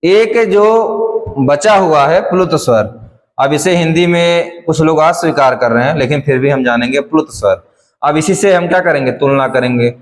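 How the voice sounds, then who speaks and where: A man's voice: a little high, normal speed. A man teaching Hindi grammar in a classroom lecture, drilling definitions step by step and repeating key phrases. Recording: echoey room with long reverb.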